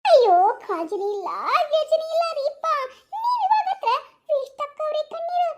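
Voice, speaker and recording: A cheeky young woman friend, as a woman puts her on in a comedy skit, giggling through mock-wise tips. She speaks in a North Karnataka accent with a very high voice that leaps up and down. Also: sing-song, brisk, noisy background. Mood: teasing. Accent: North Karnataka Kannada. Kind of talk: comic skit dialogue.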